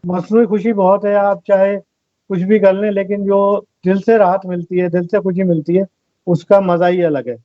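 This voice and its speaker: A man with a notably high voice talks earnestly as an interview guest, reflecting and illustrating his points with examples. The sound is dry and close, with a slightly dull, muffled tone. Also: little pitch movement, moderate pace, dry recording. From Pakistan. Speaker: guest, volunteer organizer. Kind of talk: conversational interview talk.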